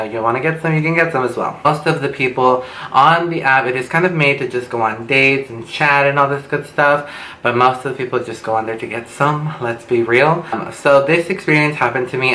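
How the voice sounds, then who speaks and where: A man's voice: medium pitch, bright, forceful tone. A young man in a casual storytime vlog, chatty, campy and dramatic, his speech slightly lisped from wearing retainers. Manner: campy, dramatic, gossipy delivery with drawn-out words. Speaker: beauty vlogger telling a story. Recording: echoey room with faint background noise.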